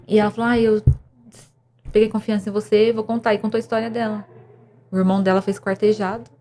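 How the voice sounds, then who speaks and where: A woman's voice: medium pitch, little pitch movement, quick pace, mellow. A young woman, earnestly telling a personal story of faith and depression as a podcast guest, with many restarts. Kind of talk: emotional personal testimony.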